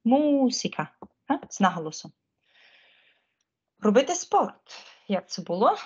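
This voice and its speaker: Teaching Spanish online, she keeps things chatty and casual, worries over pressing buttons, and keeps asking if the students follow. Her voice sits at medium pitch with a sing-song lilt, a measured pace, and a darkish, husky tone, though the recording sounds muffled.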